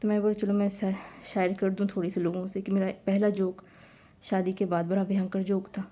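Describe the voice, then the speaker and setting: A woman's voice: mid-range voice, little pitch movement, dark tone. A woman telling a personal story in a casual, rambling way, often repeating her phrases.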